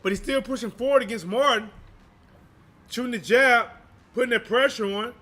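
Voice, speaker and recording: Bright, high-voiced man calling boxing live. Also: moderate pace. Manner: slangy, informal, chatty with viewers. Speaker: boxing livestream commentator and channel host. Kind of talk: live boxing play-by-play commentary.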